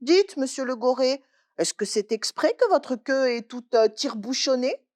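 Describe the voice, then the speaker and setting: A woman's voice: high-pitched, expressive, unhurried, a little mellow. A woman voicing a curious, talkative little chick in a children's storybook tale, asking endless questions. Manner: inquisitive, then tearful and fed up.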